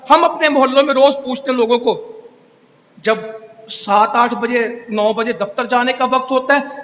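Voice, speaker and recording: A man's voice: extremely high pitch, bright, forceful tone. A man preaching a Friday sermon in a mosque, scolding and exhorting with rhetorical questions. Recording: echoey hall reverb.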